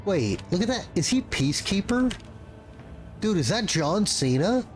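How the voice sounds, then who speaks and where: A man's voice: sits high, sing-song, measured pace, faint music behind. A man giving casual, informal, sometimes sweary commentary as he plays through a video game. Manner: profane, informal. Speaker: gameplay streamer.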